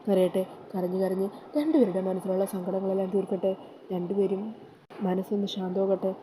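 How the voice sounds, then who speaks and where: A woman voicing a calm aunt who speaks in a resigned, understanding way. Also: medium pitch, a little fast, a little hiss or hum, close to an everyday voice, low-quality recording. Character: calm aunt at the family table.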